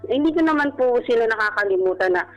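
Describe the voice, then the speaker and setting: On a radio broadcast with a music bed underneath, a Filipino caller in her thirties recounts a personal story, conversational and respectful, full of polite particles. Her voice is a little high, animated, and quick, and the recording is rough.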